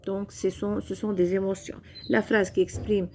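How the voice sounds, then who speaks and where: A young woman teacher giving a recorded grammar lesson to pupils, repeating each point in a slow, deliberate way. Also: mid-range voice, level tone, darkish tone, a little hiss or hum.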